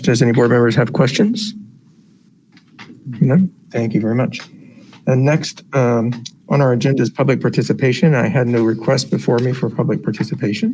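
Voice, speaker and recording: A man's voice: medium pitch, dark tone. An American man talking through a face mask, formally reading agenda items aloud as he chairs a board meeting. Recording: noisy meeting room recording.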